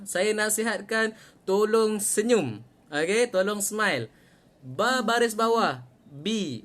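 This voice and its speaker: A man with a Malaysian Malay accent teaching Quran reading in a casual online lesson, patient and repeating each point, slowing down to recite examples. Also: high voice, fairly bright tone.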